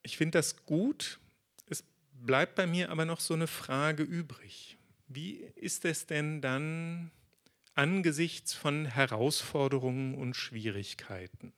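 A man preaching a sermon in a conversational, lively way, acting out quotes as he tells the story. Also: a little high, takes it slowly.

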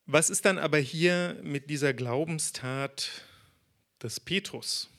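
A man preaching a sermon in a conversational, lively way, acting out quotes as he tells the story. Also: fairly high pitch, slow.

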